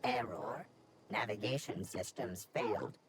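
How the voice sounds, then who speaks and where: A calm robot mechanic. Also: medium pitch, a little slow. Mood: calm, officious. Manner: flat, even, announcer-like error reports. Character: calm robotic repair machine, rule-bound and officious. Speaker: robot mechanic in a video game.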